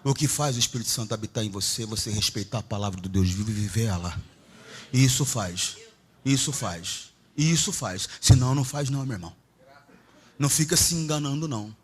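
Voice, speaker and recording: A middle-aged Brazilian man preaching a Pentecostal sermon, swinging between shouts and low, confiding asides. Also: animated, brisk, husky. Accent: Brazilian Portuguese. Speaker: pastor.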